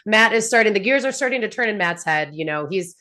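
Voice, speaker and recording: Animated woman recapping a show. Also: mid-range voice, quick pace. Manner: animated, filler-heavy, laughing storyteller. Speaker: podcast host. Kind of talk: casual recap chat.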